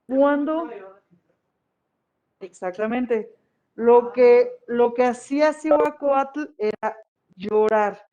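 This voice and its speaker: A history teacher gives a chatty lecture to an online class and keeps checking whether the students are following. The voice sits at a middle pitch. The audio is dull and lo-fi. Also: slow, pauses often, warm tone. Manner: conversational, often checks in with the class.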